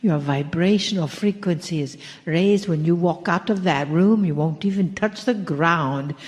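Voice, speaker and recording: Slow, lowish-voiced woman channeler, reverberant hall. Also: darkish tone. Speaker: spiritual channeler addressing a gathering. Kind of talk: channeled spiritual talk.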